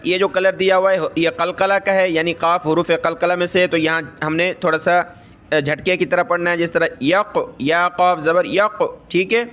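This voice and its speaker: A man teaching Quran recitation. He explains each rule slowly, checks in with "ठीक है" over and over, and chants the verses long and drawn out. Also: high voice, steady tone, fairly bright tone. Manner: says "ठीक है" often to check the listener. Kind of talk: Quran tajweed lesson.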